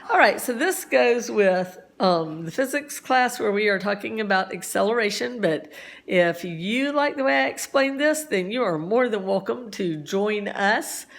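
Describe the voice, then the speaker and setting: A woman's voice: mid-range voice, lively intonation, unhurried, vocal fry. Middle-aged lady teacher doing physics problems, chatty asides, bit of a cough, recorded on a phone. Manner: chatty, explains step by step with asides. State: slight cough. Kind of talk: homeschool physics lesson.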